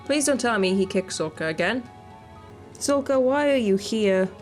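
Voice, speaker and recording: A woman streams a video game, performing the visual novel's text with expression and adding teasing, foul-mouthed quips. Her medium-pitched voice is a little mellow, with lively intonation and a moderate pace, over game music.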